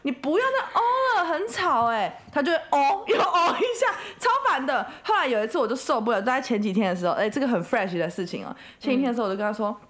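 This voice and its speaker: A young woman co-hosts a casual chat, telling a funny story with quoted voices, animated and laughing often. Her voice is a little high, and she talks fast with hardly any pauses.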